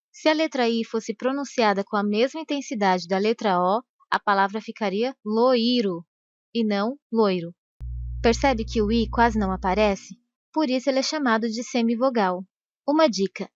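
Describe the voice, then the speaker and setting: Lady teacher, slow careful lesson voice, dry dull lo-fi recording. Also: fairly high pitch, no echo. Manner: slow, careful, stretches sample words. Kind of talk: grammar lesson narration.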